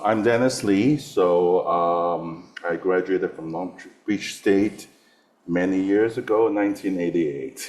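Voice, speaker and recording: Deep-voiced slow older man from Hong Kong. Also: roomy sound. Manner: good-humored, joking about his age. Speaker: panelist, accounting firm director. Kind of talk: panel self-introduction.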